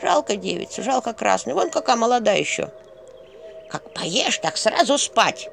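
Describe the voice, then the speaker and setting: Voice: mid-range voice, sing-song, moderate pace, gravelly, a bit bright, slight background noise, voice pushed up, heavily acted. A reader voicing a suspicious old village woman in a fairy tale, mumbling and bossy, with folksy speech. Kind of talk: audiobook character voice.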